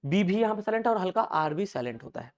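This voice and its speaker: A man's voice: sits high, expressive, fast, a little mellow, dull audio. A man with an Indian accent teaching an English class, drilling pronunciation by asking students again and again and mixing Hindi with English words. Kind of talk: classroom lecture.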